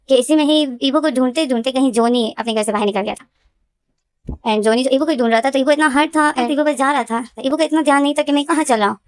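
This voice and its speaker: High-voiced woman retelling a story. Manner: repetitive, emphatic retelling. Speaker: story explainer.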